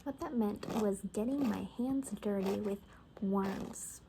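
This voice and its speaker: A woman with a mid-range voice full of vocal fry takes a slow pace as a sassy, gossipy apocalypse survivor in a soft ASMR roleplay. Her chat is casual and sarcastic, often falling to a whisper, over a noisy background.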